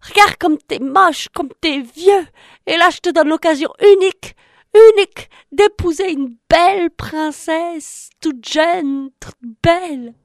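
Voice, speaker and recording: A woman voicing a small frog who says she is a bewitched princess, in a shrill, pleading, nagging voice. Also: measured pace, pauses often, dry recording, clean studio sound. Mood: exasperated. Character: pushy little frog claiming to be princess.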